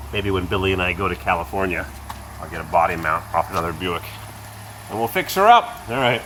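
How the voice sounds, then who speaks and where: A man narrating a casual vlog in an offhand, rambling way, in short phrases with asides. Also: low voice. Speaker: car owner giving a tour of his vehicles. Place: vehicle warehouse. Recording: noisy, car engine idling in warehouse. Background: idling car engine.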